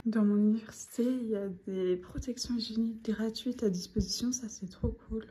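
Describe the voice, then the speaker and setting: Chatty young woman with a very dark voice. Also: fairly high pitch, fairly even intonation, normal speed, reverberant, a little hiss or hum, poor audio. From Paris area, France. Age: young adult. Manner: chatty, rambling, hesitant with frequent fillers. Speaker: student vlogger. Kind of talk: casual vlog narration.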